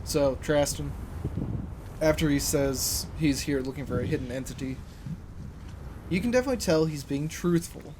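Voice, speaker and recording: A man's voice: on the high side, moderate pace, long pauses. A man running a tabletop game as game master, narrating loosely and casually. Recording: noticeable background hiss.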